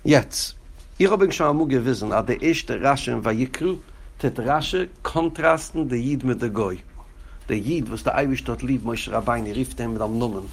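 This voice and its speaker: Leading a Torah lesson as a rabbi, this man has a husky, mid-range voice that is expressive and moves at a normal pace. He addresses his students by name and lifts into a sing-song chant whenever he quotes a text.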